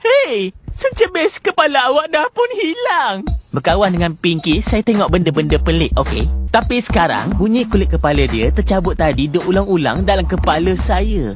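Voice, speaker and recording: A woman's voice: medium pitch, very animated, normal speed, faint music behind, close to an everyday voice. A woman voicing a blunt, irritated cartoon pal who complains in exasperation. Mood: exasperated. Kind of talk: animated cartoon dub.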